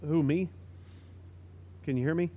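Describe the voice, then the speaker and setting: A man calling in to a podcast chat on a crackly line that fades in and out, talking in a halting way with restarts. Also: a little high, fairly even intonation, dark tone. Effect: crackly call line cutting in and out. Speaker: podcast panelist calling in remotely. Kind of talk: casual chat. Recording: crackly remote call line with faint noise.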